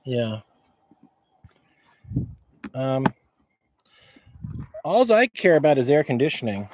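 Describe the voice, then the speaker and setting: A man walking around outdoors on his property, casually showing things off to a handheld camera in a halting, rambling way that keeps repeating words. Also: mid-range voice, very animated. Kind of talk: casual rambling show-and-tell. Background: faint wind noise.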